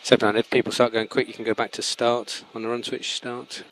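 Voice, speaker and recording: A man's voice: medium pitch, level tone, fast talker, a bit bright. Male race engineer on noisy car radio. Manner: repeats key instructions, clipped.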